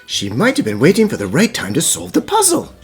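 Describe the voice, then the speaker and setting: A man voicing a composed, thoughtful gentleman professor who explains things formally in an animated fan dub. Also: on the high side, a little fast, creaky, slightly rough, soft background music, full character voice. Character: gentlemanly puzzle-solving professor, thoughtful, devoted father.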